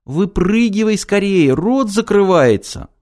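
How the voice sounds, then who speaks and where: A man's voice: sits high, expressive, unhurried, a little mellow, voice pushed up. A man voicing a frail, tender female nanobot in a storybook tale, speaking with pleading urgency. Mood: urgent.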